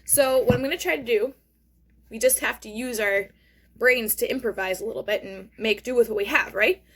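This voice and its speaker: Female kids show host, higher register, speaks straight to young viewers, casual step-by-step craft demo, encouraging. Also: moderate pace, a bit bright. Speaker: host of a children's craft lesson. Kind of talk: hands-on craft demonstration, casual narration.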